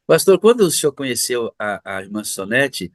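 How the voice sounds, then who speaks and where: A man's voice: medium pitch, big pitch swings, moderate pace, dry recording. Effusive middle-aged Brazilian man interviewing. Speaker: church interviewer. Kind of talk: church interview conversation.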